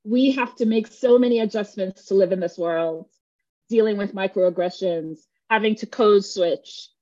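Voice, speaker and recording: A Jamaican woman with a warm, mid-range voice leads a live online workshop at a moderate pace, speaking earnestly and emphatically. She often checks in with her listeners, and the recording has no echo but its highs are cut off.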